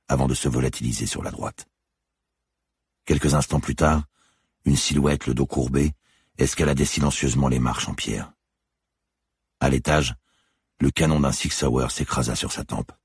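Very deep husky male narrator. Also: dry recording, clean studio sound. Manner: measured, suspenseful, deliberate phrasing. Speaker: audiobook narrator. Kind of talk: scripted narration.

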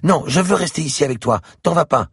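Brief: eerie shy girl of nine, high pleading child voice, done by a husky-voiced man reading. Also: expressive, fast, fairly bright tone, no echo, studio quality, full character voice. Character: timid tearful little girl of nine or ten, eerie.

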